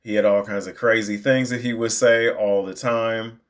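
A young adult man telling a personal story in a casual, animated way, rambling and restarting his sentences as he goes. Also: lowish voice, moderate pace. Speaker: storyteller recounting a movie outing.

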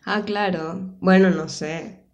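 A woman's voice: lowish voice, fairly even intonation, slow, lo-fi sound. A young Venezuelan woman, a comedian guesting on a podcast, chatting easily and laughing often. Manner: laughing, easygoing. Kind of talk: casual chat.

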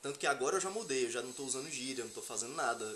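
A man's voice: mid-range voice, lively intonation, rapid-fire, bright, forceful tone, a little hiss or hum. A man with a Brazilian Portuguese accent from Salvador in Bahia, chatting casually on a comedic podcast, joking in heavy slang and swearing freely. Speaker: podcast host.

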